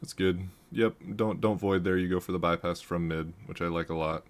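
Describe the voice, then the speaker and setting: A man with a deep, low voice talks through a game replay in a loose, rambling way. He restarts his sentences, laughs often and gets loud when something excites him. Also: normal speed. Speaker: gaming commentator reviewing a match. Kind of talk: casual game analysis commentary.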